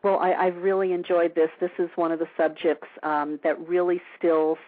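A woman hosting a conversational radio interview in a halting, informal way. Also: fairly low pitch, level tone, dry recording. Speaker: radio show host. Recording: dry, narrow phone-like sound.

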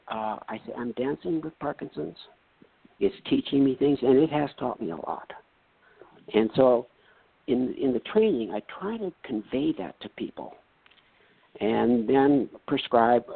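Gravelly and husky in a mid-range voice, a North Dakota retired doctor in his seventies recounts a personal story, earnest and folksy, performing the quoted exchanges himself. The audio is tinny and phone-like, completely dry with no room sound.

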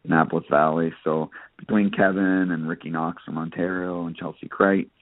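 A country singer and guitarist from Nova Scotia, Canada, answers interview questions as a guest in a low, fairly flat voice at a normal speed. He's hesitant and conversational, hedging often and sprinkling in "you know," over a narrowband, phone-like radio line with no echo.

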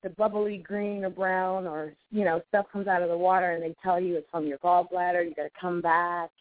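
A woman's voice: on the low side, little pitch movement, a little fast, no echo. A woman calling in to a radio show over a phone line, friendly and chatty, with some hesitant ums as she asks her question. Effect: heard over a phone line as a call-in caller.

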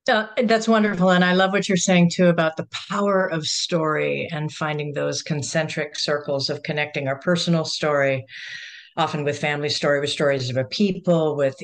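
A podcast host interviewing a guest in an encouraging way, often adding soft affirmations. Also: mid-range voice, steady tone, normal speed.

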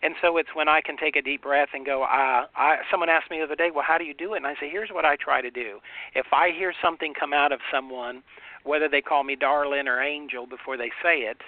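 A man with a fairly high voice co-hosts a spiritual talk radio show, telling stories with emphatic, animated delivery. He comes through a tinny, phone-like line with a dry, close sound. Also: fast talker, no room sound. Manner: emphatic, animated storytelling, frequent "you know". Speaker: radio show co-host, ordained minister.

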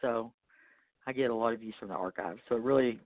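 A man's voice: mid-range voice, brisk, dry recording. A man hosting a podcast in casual, rambling chat, informal and often checking in with the listener. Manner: informal, often tags sentences with "you know". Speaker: podcast host. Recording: thin phone-like sound from makeshift setup.

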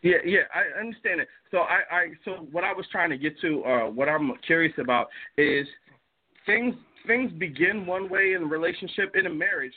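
A man hosting a casual relationship podcast, speaking a little high and stumbling through restarts and fillers. He keeps laughing as he talks. His voice comes through thin and tinny, as if over a phone line. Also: slightly rough. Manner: laughing, halting with many restarts. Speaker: podcast host.

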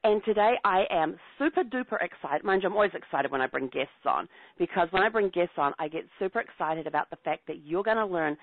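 Woman, New Zealand accent, travel show host, chatty and eager, lowish voice, tinny phone-line sound. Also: animated, fast, a little hiss or hum. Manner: bubbly, chatty, laughs easily. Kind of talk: enthusiastic casual interview.

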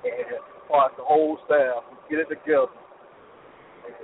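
A man's voice: fairly high pitch, fairly even intonation, normal speed. Man calling in over a tinny phone. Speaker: radio call-in caller. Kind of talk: casual chat. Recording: tinny phone line with clear hiss.

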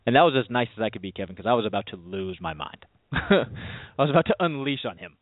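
A man co-hosting a radio talk show, telling stories in a lively casual way. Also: medium pitch, fast, no echo. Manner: animated storyteller, voice jumps up in quotes. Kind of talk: casual chat. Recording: dry, phone-like narrow sound.

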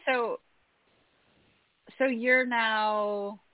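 A woman's voice: a little high, fairly even intonation, extremely slow, a crowd in the background. A woman hosting a podcast interview, conversational and affirming as she asks her questions. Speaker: podcast host. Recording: dry, tinny phone-like line.

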